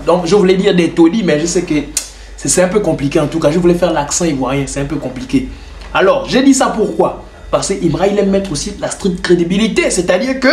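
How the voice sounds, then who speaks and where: A man's voice: sits high, slight background noise. Chatty young man explaining his beat. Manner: loose and chatty, many fillers like "genre". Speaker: home music producer and rapper. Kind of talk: casual tutorial talk to camera. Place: his bedroom. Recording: roomy bedroom echo.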